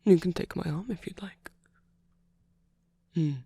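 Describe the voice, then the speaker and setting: A husky, halting, hesitant whisper carries this performance of a flustered but flirtatious, tender rock frontman in an intimate ASMR romance roleplay. His mid-range voice has a warm tone with no echo, and he seems playful and shy.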